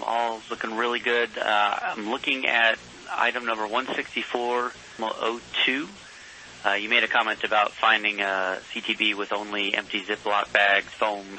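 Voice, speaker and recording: Faint hiss runs under a man's very bright, forceful radio voice. He is a mission control communicator talking to a space crew. His delivery is procedural yet informal and conversational. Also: on the low side, steady tone, normal speed, rough recording. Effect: space radio transmission. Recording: hissy space-to-ground radio link.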